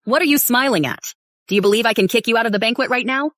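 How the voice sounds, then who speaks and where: A woman's voice: fairly high pitch, fast, a bit bright, no room sound, lightly acted. A woman dubbing an arrogant, spoiled young heiress who talks down to everyone, recorded dry in a studio. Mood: sneering. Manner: sneering, haughty. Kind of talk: English drama dub.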